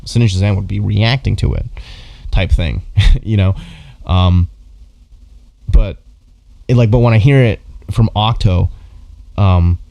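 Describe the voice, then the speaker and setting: Male streamer-judge, low gravelly voice, rambling casual commentary, dry close sound. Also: a little slow, pauses often, mellow, dry recording. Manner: rambling, filler-heavy, laughs while talking. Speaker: beatbox judge reacting to entries.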